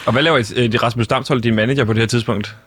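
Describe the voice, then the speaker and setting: A young male co-host asks questions with a deadpan, mock-serious touch in an even middle voice. The recording is dry and close, with no room sound around him. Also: medium pitch, no room sound. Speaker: comedy co-host. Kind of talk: improvised comedy chat.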